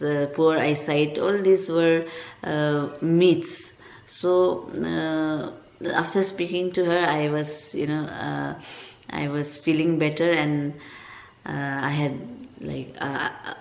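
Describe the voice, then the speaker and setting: A woman vlogger with a lisp, talking casually to viewers in a halting, hesitant way. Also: sits low, darkish tone. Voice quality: lisp from a dental appliance. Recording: echoey, roomy sound.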